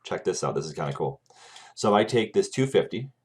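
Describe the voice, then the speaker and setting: A man's voice: deep voice, sing-song, fairly quick, a little mellow, husky. A man teaching a math lesson over a screencast, talking through each calculation step by step and often checking in with "right?".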